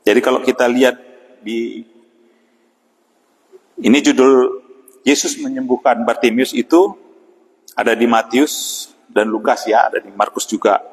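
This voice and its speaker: Man preaching an evening devotional, reverberant. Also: mid-range voice. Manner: unhurried, with frequent "ya" and pauses. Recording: long hall reverb.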